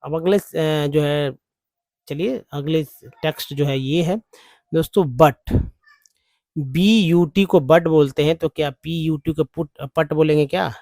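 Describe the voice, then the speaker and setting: A man talks through an English reading lesson, breaking words into letters and repeating them. He speaks very slowly in a slightly high voice. The recording is dry and close. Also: darkish tone, dry recording. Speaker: English teacher. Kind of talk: spelling and pronunciation lesson.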